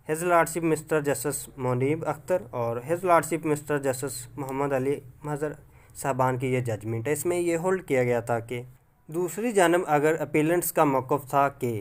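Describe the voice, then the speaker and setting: A man with a Pakistani accent delivers a scripted law lecture in the role of a teacher. His medium-pitched voice stays formal and measured, and he weaves English legal terminology into his speech.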